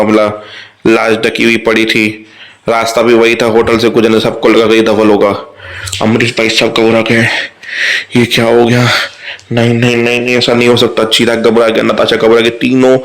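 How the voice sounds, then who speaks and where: A man's voice: mid-range voice, fairly bright tone. A man casually retelling a TV serial episode, briefly voicing the characters' lines and adding light asides to viewers. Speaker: TV serial recap host.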